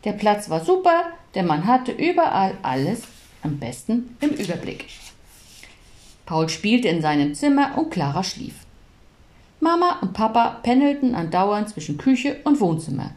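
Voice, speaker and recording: A woman reading a children's storybook aloud in a lively, expressive way. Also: medium pitch, measured pace. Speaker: audiobook reader.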